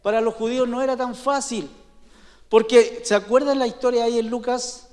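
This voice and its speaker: A man preaching a sermon in a high voice. He talks in a conversational way, regularly asking his listeners to confirm they are following. The recording carries the long reverb of a church hall. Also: steady tone, moderate pace, a little mellow. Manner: conversational preaching with frequent "¿sí?" and "¿no es cierto?" checks. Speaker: pastor.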